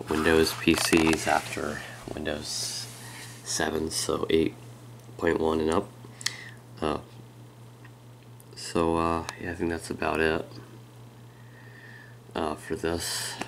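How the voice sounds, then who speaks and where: A man who is a bit sick, giving a casual, halting walkthrough of his laptop as a tech vlogger. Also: extremely low pitch, vocal fry, a bit bright, slight background noise. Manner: halting and unhurried, with frequent pauses. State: sick, with a slightly strained voice. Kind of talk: casual hands-on product walkthrough.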